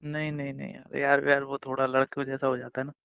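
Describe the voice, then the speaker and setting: A man's voice: medium pitch, completely flat delivery, quick pace, gravelly, clear, resonant tone, no echo. A man on a casual romantic phone call, coaxing and playful as he keeps insisting. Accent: Hindustani. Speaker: boyfriend on a call. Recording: muffled phone call recording.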